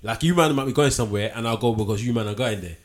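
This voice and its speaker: A man's voice: mid-range voice, fast. A man with an urban London roadman accent debating casually in street slang, emphatic and repeating himself for effect. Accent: London, urban street "roadman" style. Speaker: talk show panellist.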